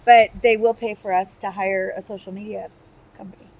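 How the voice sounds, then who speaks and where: A middle-aged woman co-hosting a podcast in casual chat, full of quick teasing jokes. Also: mid-range voice, steady tone, a little mellow, slight background noise, rough recording. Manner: joking, quick teasing asides. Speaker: podcast co-host.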